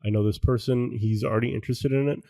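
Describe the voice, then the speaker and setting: A man co-hosting a podcast in casual chat, relaxed and agreeable, laughing easily. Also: mid-range voice, fast, vocal fry, dry recording. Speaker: podcast co-host.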